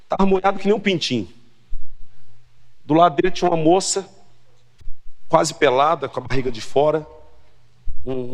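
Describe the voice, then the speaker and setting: A man from Brazil, preaching a sermon as a pastor, swinging from shouted exhortations to hushed storytelling. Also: a little high. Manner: slow emphatic declarations, quick asides. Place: church convention hall.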